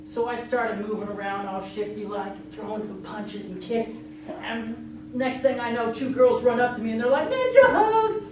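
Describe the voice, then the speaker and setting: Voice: medium pitch, moderate pace. Echoey, distant storyteller spinning a tall tale. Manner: animated, acts out dialogue and moves. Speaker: contestant in a storytelling contest. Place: live event room with an audience. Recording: very echoey, noisy room, distant mic.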